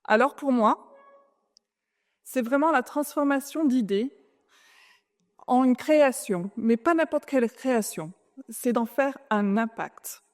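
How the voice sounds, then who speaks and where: A woman's voice: sits high, slow pace, pauses often. A woman from France giving a conference talk to an audience, friendly and a little hesitant, often putting questions to the room. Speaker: invited speaker. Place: large event hall. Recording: long reverb of a large hall.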